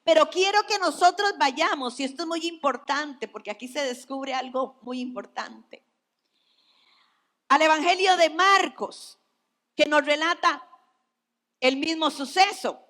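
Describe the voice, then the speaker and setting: A woman pastor delivers a sermon in a high, bright voice, taking her time over each phrase. Her speech swells with emphasis and then sinks to a hush. A long church-hall reverb trails every word. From Costa Rica. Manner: slow, emphatic preaching with dramatic drops to near whispers.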